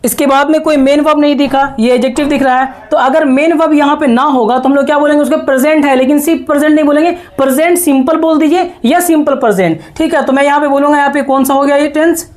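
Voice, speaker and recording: High-voiced woman teaching grammar. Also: steady tone, a little mellow. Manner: slow, repetitive, checks understanding often. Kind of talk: classroom lesson explaining grammar.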